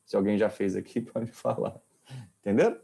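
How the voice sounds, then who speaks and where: A man's voice: lowish voice, steady tone, moderate pace, creaky, dark tone, breathy edge. A male professor giving an informal anatomy lecture, quizzing his students with questions as he explains. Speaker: kinesiology professor.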